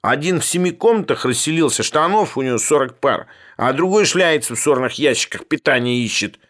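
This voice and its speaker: A man's voice: medium pitch, expressive, a little fast, a bit bright, natural voice. A man voicing a crude, sullen young man made from a dog, talking in a coarse, whiny, defensive way in an audiobook reading. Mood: grumbling.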